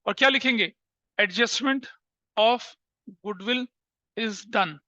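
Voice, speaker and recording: A man's voice: high-pitched, very slow, pushed and bright, no echo, dull audio. A man teaching accountancy in a classroom with an Indian accent, explaining step by step and asking rhetorical questions. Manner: explaining with rhetorical questions, mixing English terms. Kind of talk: classroom lecture.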